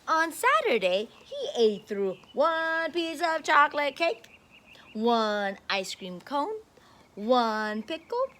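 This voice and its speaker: A female early-years teacher leads a children's read-aloud and counting lesson in a high-pitched, unhurried voice. Her sing-song delivery is bright and forceful.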